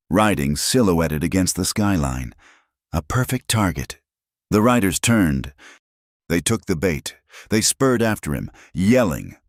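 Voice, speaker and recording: Very deep male audiobook narrator. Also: no room sound, clean studio sound. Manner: measured, dramatic.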